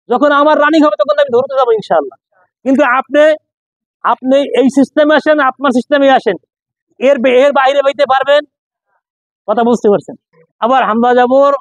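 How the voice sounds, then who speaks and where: A man's voice: very high voice, no echo, highs cut off. A man teaching Quranic letter reading to a class, spelling out sounds and asking questions that he answers himself. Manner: drills spelling by call and response, asks questions and answers himself. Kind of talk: classroom lesson.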